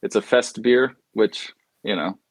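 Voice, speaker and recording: A guest musician in his forties who grew up in Indonesia tells long, rambling stories in a casual interview, full of fillers and restarts. His voice is fairly low and unhurried, with no echo.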